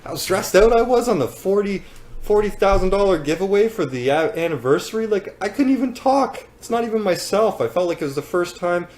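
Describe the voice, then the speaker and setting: A man with a Canadian accent and a high-sitting, slightly mellow voice hosts a live giveaway for his business. Animated and brisk, he rambles and jokes in casual livestream chat.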